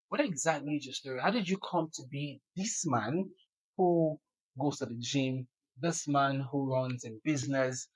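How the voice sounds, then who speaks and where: A man hosting an interview, asking measured, reflective questions. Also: mid-range voice, breathy edge, dry recording, poor audio. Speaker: podcast host.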